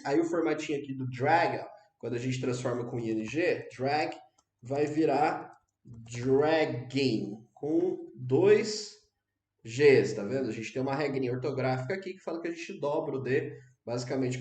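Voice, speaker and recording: A man in a relaxed English lesson for Portuguese speakers. He keeps checking in with the class and slows down to drill each example phrase. His voice sits a little high, and the room around him is echoey and open. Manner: chatty, checks in with "tá, gente?", repeats phrases slowly for drills. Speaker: English teacher. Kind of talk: casual explanatory lesson. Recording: roomy, echoey room sound.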